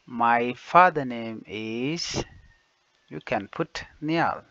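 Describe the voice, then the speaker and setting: A man teaching basic phrases, saying each one slowly and repeating it in two languages. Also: mid-range voice, bright, forceful tone, no room sound. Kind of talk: slow phrase-by-phrase language lesson. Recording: dull lo-fi dry recording.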